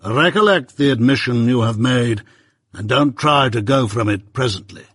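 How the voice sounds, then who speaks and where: A man playing a stern, imperious middle-aged London lawyer who speaks slowly and with command. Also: medium pitch, a bit bright, husky, no echo, studio quality. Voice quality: slow, measured, commanding.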